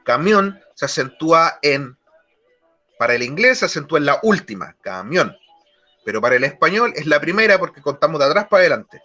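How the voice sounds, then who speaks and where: Male teacher, bright and slightly high; slow, deliberate classroom explanation. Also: very animated, faint music behind. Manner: slow, deliberate explanation, repeats key words. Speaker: English teacher. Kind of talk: online grammar lesson.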